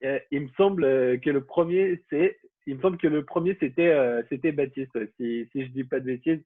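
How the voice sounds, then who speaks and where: A man's voice: medium pitch, brisk. A man hosting a casual football quiz, talking with many fillers and restarts. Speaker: quiz host. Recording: phone-like, husky, dry.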